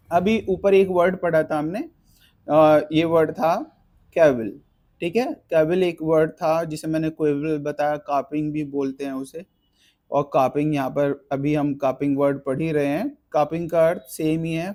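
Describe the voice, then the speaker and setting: A man teaching a vocabulary lesson, explaining slowly with spelled-out words and memory tricks. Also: on the high side, darkish tone.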